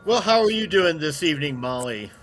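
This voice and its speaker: A man hosting a casual group video call, talking in a relaxed, slightly hesitant way. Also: a little high, fairly quick. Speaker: podcast host. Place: at home.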